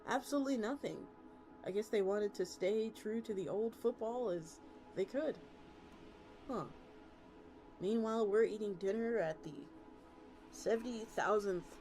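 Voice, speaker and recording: With music playing in the background, a female VTuber streamer reads a story in a casual, conversational style. Her voice sits a little high but has a dark tone.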